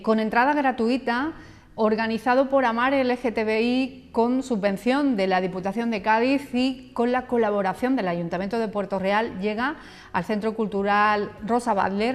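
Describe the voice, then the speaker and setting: A woman's voice: mid-range voice, moderate pace. Woman interviewer in a reverberant room. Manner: warm, conversational questioning with fillers. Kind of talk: local TV interview. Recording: long hall reverb.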